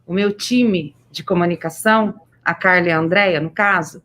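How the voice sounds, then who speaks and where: A woman's voice: lowish voice, normal speed, a bit bright. Effusive Brazilian woman speaking through a face mask. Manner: effusive, emphatic, repeating words for stress. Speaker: municipal education official hosting a livestream. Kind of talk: informal livestream address to teachers.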